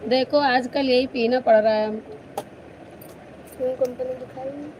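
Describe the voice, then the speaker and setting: A woman's voice: sits high, steady tone, unhurried, background noise. A woman hosting a casual live stream, chatting playfully with viewers and teasing them with laughter.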